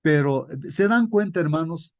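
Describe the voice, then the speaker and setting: A man with a fairly high voice delivers a relaxed, story-driven sermon as a Sabbath school teacher. He keeps checking in with his listeners through short tag questions and calls them brothers. The recording is dry and close, with no room echo. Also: normal speed. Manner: conversational, adds frequent tag questions.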